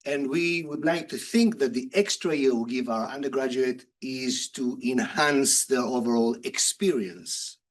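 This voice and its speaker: A man's voice: mid-range voice, unhurried, hardly any pauses. A man lecturing at a conference in an interactive manner, putting questions to the audience and answering them himself. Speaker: university lecturer in nursing and health informatics.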